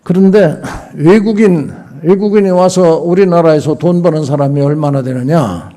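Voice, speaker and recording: A man's voice: a little high, moderate pace, warm tone. An older man, a senior pastor, preaching a sermon, asking rhetorical questions and acting out little scenes as he goes.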